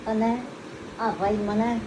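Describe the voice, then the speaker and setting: A woman's voice: a little high, little pitch movement, slow pace, dark tone, slight background noise, low-quality recording. An older woman from Gujarat, hesitant and pleading, in short broken phrases. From Gujarat, India.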